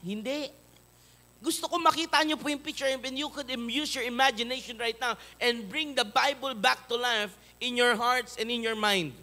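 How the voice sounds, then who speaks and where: Preaching at a moderate pace, this Filipino-accented pastor alternates between forceful, loud emphasis and quiet, low-voiced pleading throughout his sermon.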